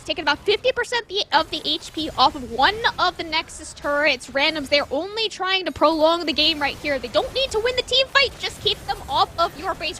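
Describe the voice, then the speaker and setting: A woman with a very high, bright voice calls an esports match live. She reels off play-by-play at speed, her excitement rising with each team fight. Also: slight background noise. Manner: rapid, excited play-by-play calling. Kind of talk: fast live game commentary.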